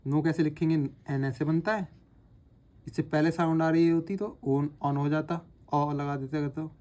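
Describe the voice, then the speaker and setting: A man teaching shorthand step by step, patiently repeating sounds slowly as he writes. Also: on the high side, level tone, darkish tone. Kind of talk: explaining step by step while writing.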